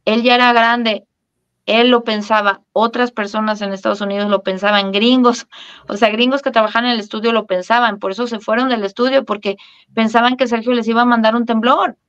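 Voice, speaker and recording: A middle-aged woman with a Mexican accent, telling her story as an interview guest, animated and full of restarts. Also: fairly high pitch, a little fast, clean tone, muffled recording. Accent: Mexican Spanish. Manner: animated, many restarts and fillers, laughs at her own story.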